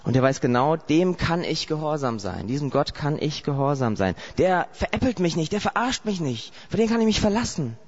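Fairly high-pitched and animated, this man from Saarland, Germany, moves at a fairly quick clip with few pauses as he preaches. His sermon paints the story vividly and repeats rhetorical questions, heard through a dull lo-fi recording.

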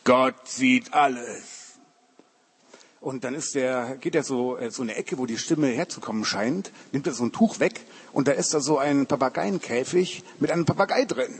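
A man's voice: mid-range voice, a little fast, few pauses, slightly rough. A man, a Bible college lecturer, giving a casual, joking sermon to a youth group. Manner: chatty, informal, joking, says "cool" often.

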